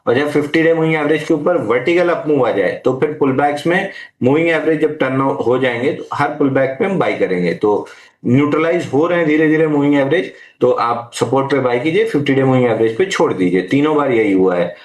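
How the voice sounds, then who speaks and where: A man's voice: medium pitch, lively intonation, a little fast, echoey room. A man, a stock market analyst, patiently answering viewer questions in a live market Q&A, mixing in English trading terms. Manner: patient, advisory, uses Hindi mixed with English terms.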